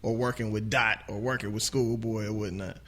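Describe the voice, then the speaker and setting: A man's voice: lowish voice, level tone, brisk, fairly bright tone. A man hosting a radio interview, asking casual questions and giving short affirmations.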